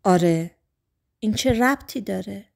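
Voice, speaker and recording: A woman voicing a shy, wary teenage girl who speaks quietly and hesitantly in an audiobook. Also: medium pitch, creaky.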